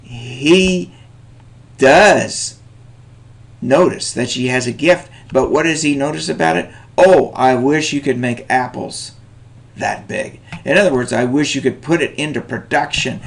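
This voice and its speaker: A middle-aged man lecturing on a short story, animated, with chuckling asides and many fillers. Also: mid-range voice, creaky. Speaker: teacher.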